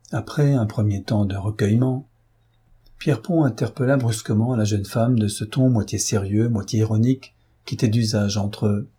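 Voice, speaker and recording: Mellow husky male audiobook narrator. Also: on the low side. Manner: measured, steady literary reading. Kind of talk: scripted narration.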